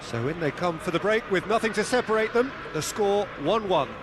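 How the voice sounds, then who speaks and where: A male football commentator with a high, animated voice that swoops up and down as he calls the play. The broadcast is heard through game audio with clear street and traffic noise beneath it. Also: a little fast. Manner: lively, building to excited calls.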